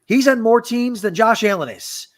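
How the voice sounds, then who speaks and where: A man co-hosting a fantasy football podcast in casual banter, excitable and often stammering and repeating words. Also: very high voice, normal speed.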